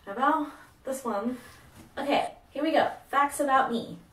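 A woman's voice: sits high, normal speed, a bit bright, roomy sound, distant mic. A young woman in her twenties from South Korea, whose first language is not English, chatting in a bubbly casual vlog about herself and laughing at herself. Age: 20s. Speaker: vlogger. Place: indoors, plain grey wall, small room.

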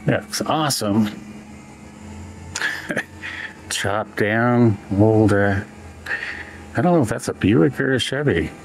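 Slow-talking man vlogging a walking tour. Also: fairly low pitch, slight background noise. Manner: relaxed, unhurried commentary while walking around. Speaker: travel vlogger. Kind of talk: casual travel vlog narration. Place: walking around a train station and hotel, indoors and outdoors.

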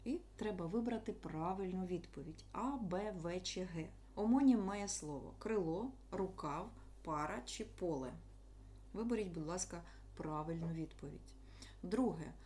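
A woman teacher gives a lesson to children, patient and careful, explaining each point step by step. Her voice sits low and sounds mellow and soft-edged. A faint hiss runs under the recording. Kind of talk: online school lesson.

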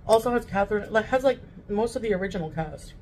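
Animated and fast, her mid-range voice has a slightly mellow quality. The young mukbang vlogger eats as she chats to the camera, frequently talking through mouthfuls of food. It's a home recording from her furnished living room, the camera set at table distance with a faint hum of room noise.

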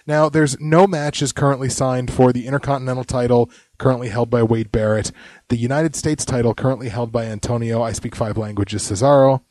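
A man on a podcast, talking through his opinions while he is sick. His voice is mid-pitched and sits dry and close to the mic. He rambles and sometimes drops into muttered asides. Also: steady tone, a little fast, darkish tone, dry recording. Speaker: podcast co-host. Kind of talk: casual wrestling chat.

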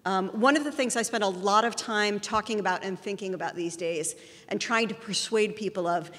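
A woman giving a public lecture as guest speaker, relaxed and self-deprecating, with a few fillers. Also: mid-range voice, fairly quick. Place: university lecture room. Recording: reverberant lecture hall.

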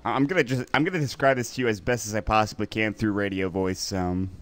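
A man doing play-by-play commentary on an esports match, quick and excitable in fights and laid-back in the lulls. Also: fairly low pitch.

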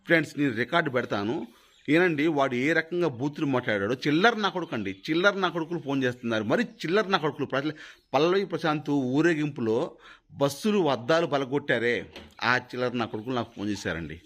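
A man's voice: medium pitch, animated, fairly quick, fairly bright tone. Angry threatening man. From Khammam, Telangana. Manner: angry, threatening, repeats himself. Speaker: video creator. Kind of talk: angry direct-to-camera rant.

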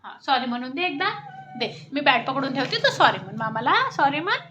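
A woman's voice: high-pitched, very animated, a little fast, bright, forceful tone, soft background music. A young woman vlogging at home on a phone, chatting to viewers and coaxing a toddler in a sing-song way. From Sakoli, Maharashtra. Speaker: family vlogger. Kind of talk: casual home vlog. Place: family home indoors.

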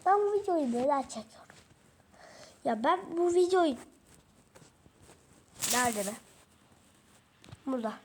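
A woman's voice: sits high, lively intonation, slow, pauses often, a little mellow, a little hiss or hum. A woman chatting exasperatedly to herself while showing a game on her phone, recorded through the phone's own mic. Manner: exasperated, rambling, talks to herself. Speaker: mobile gamer showing game settings. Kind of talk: casual screen-recorded gameplay chat. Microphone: phone microphone during screen recording.

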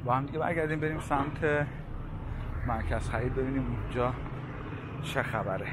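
A man's voice: mid-range voice, steady tone. Guy chatting thru a street walk, mid voice, lots of traffic noise around. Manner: chatty, points out sights and reads prices while walking. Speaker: walking tour vlogger. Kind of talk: casual walking-tour narration. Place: busy city streets outdoors.

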